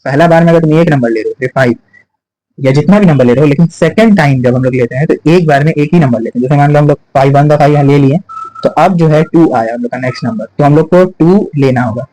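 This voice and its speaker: In a chalkboard maths lesson, a male teacher works through sums step by step, asking and answering his own questions and repeating each point. He talks fast in a warm voice on the high side. The recording has no echo but is rough.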